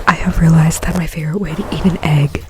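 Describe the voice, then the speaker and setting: A woman of thirty with a slightly nasal voice, doing fast, aggressive ASMR as rambling, chatty whispered asides close to the microphone. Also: low-pitched, fairly even intonation, heavy background noise. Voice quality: slightly nasal from a recent cold. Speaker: ASMR creator. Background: scratching on the mic cover.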